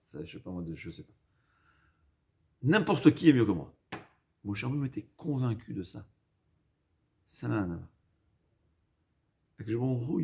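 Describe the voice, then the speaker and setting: Low-voiced man teaching in foreign-accented French. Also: gravelly, dark tone. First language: not a native French speaker. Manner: halting, repeats and rephrases for emphasis, mixes in Hebrew quotations. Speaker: rabbi giving a religious lesson. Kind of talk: informal Torah lecture.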